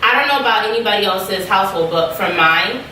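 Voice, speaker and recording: A woman's voice: medium pitch, expressive, fast talker, pushed and bright, slight background noise. A young adult woman talking a lot and with emphasis in a casual group chat, with many fillers. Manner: talkative and emphatic, full of fillers. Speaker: guest. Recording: echoey room from a distant mic.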